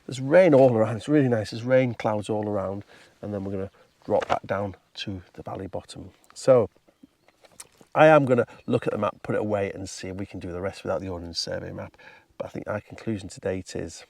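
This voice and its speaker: A man's voice: lowish voice, fairly quick, vocal fry, darkish tone, distant mic. A man presenting a casual walk-and-talk review outdoors, chatty and enthusiastic, speaking conversationally.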